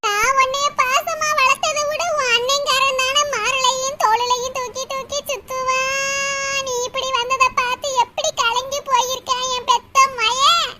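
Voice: extremely high pitch, little pitch movement, measured pace, exaggerated voice. A performer voicing a grieving village mother in a cartoon, wailing and half-singing her laments. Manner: wailing lament, sung sobbing lines. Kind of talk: cartoon voice acting. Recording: loud noise behind voice.

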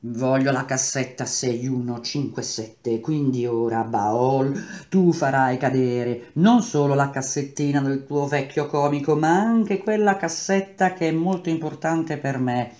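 A man's voice: mid-range voice, unhurried, few pauses, a little mellow, natural voice. A man voicing a scheming male traitor villain in a read-aloud novel, taunting and drawn out. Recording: roomy echo.

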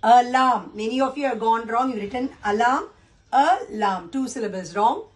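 A woman's voice: on the high side, fairly quick. A woman teacher, going through exam answers step by step and posing questions to her students. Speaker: English teacher. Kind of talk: exam answer-key lesson.

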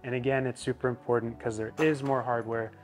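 A young man walking through an installation step by step in a relaxed, explanatory way with frequent fillers, recorded in an indoor garage. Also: medium pitch, brisk, soft background music. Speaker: product installer. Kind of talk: casual how-to walkthrough.

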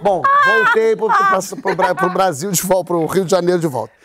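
A Brazilian man in his forties, hosting a talk show, narrates a funny mishap with lots of energy. His voice sits fairly high, and he slips in brief impressions of the people in the story. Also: brisk, gravelly, heavy background noise. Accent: Brazilian Portuguese. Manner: animated anecdote telling with voiced characters. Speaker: host.

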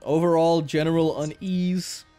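A man's voice: fairly high pitch, little pitch movement, unhurried, mellow, faint music behind. A young man hosting a casual gaming voice chat, jumpy, laughing often, with frequent startled exclamations. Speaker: gaming channel host.

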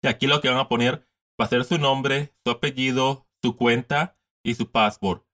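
Bright-voiced man walking through a screen tutorial. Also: mid-range voice, fairly even intonation, normal speed. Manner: casual, repetitive step-by-step explaining, mixes in English words. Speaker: tutorial host.

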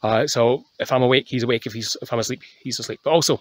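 A man's voice: medium pitch, fast, slight background noise. Out-of-breath man on a hill walk. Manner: rambling, many filler "uh"s. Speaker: falconer, channel host. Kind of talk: off-the-cuff vlog chat. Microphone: phone camera.

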